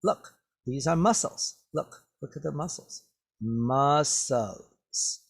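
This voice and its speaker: A man's voice: a little high, lively intonation, measured pace, creaky, slightly rough. A man teaching English, reading a story aloud to students and explaining the words, patiently repeating each one several times into a webcam.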